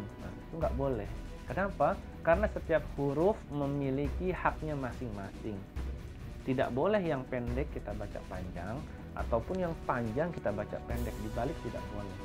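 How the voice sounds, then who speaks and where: A man with an Indonesian accent teaching Quran recitation to children in an online lesson, explaining plainly and asking questions he then answers. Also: fairly high pitch. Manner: explains plainly, then chants verses slowly with rising and falling melody.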